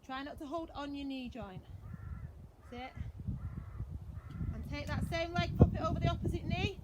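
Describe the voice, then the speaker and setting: A woman's voice: high-pitched, normal speed, heavy background noise. A woman fitness instructor leading a live workout class with short repeated commands, counts and encouraging cues. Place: outdoors in a back garden.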